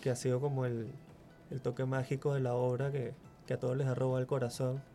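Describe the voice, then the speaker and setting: Talking fast in a completely flat, mellow, medium-pitched voice, this Chile-born man in his forties is a guest muralist on a radio interview, with faint music behind him. He hesitates, often repeating words as he thinks.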